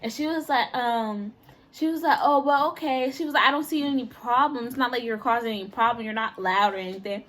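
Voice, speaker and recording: A young woman in casual chat, telling school stories in an animated way and acting out the people she quotes. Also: fairly high pitch, fairly quick. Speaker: storyteller.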